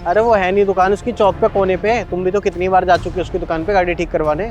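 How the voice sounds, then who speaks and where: A man presses his wife with accusing questions. His voice is high for a man and he speaks fast. Faint music sits behind him. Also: steady tone. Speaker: husband in a short drama. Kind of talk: scripted short-video drama acting.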